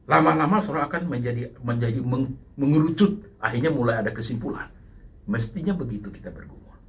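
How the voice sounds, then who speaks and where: A man preaching a sermon to a congregation, animated and sprinkling in English words. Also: medium pitch, a little fast. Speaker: pastor.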